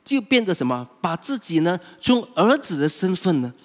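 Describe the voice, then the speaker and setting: A man preaching a sermon, animated storytelling with many fillers, acting out quotes. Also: high voice, normal speed. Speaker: pastor. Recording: reverberant hall.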